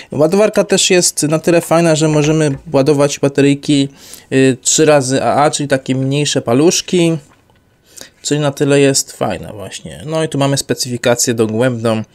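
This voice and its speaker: A young adult man giving an unscripted product review, rambling with many fillers and self-corrections. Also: medium pitch.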